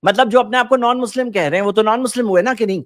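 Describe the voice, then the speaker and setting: A man's voice: high-pitched, dry recording, clean studio sound. A man giving a religious talk, quoting Arabic and then translating it, and pressing his point with rhetorical questions. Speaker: Islamic preacher.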